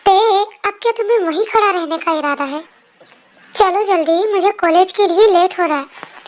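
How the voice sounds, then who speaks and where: A very high voice doing a curt stern male principal. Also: moderate pace. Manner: curt, scolding. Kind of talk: amateur fan dub voice-over.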